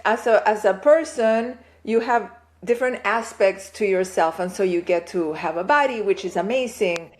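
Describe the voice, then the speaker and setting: A woman from Chile speaking as a guest on a podcast. She explains her ideas in a thoughtful, reflective way, pausing to check in with a quick "right?" as she goes. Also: medium pitch. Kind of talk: casual interview chat.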